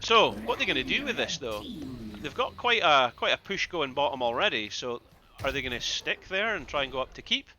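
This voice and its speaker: Excitable esports caster, bright voice. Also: male voice, a little high, a little fast, hardly any pauses. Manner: excitable, bursts of loud exclamations. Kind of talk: live play-by-play commentary.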